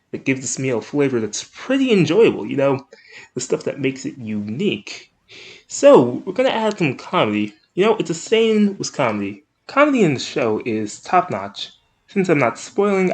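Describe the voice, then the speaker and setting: Rambling young guy with a lively voice. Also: a little high. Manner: rambling, self-correcting, jokey; animated, up-and-down delivery. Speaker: anime reviewer, channel host. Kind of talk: casual video commentary.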